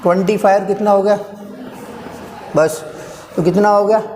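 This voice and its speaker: A man's voice: high voice, steady tone, normal speed, a little mellow. A male physics teacher lecturing a live class, coaxing and teasing his students as he talks through each step aloud. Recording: reverberant classroom, faint background noise.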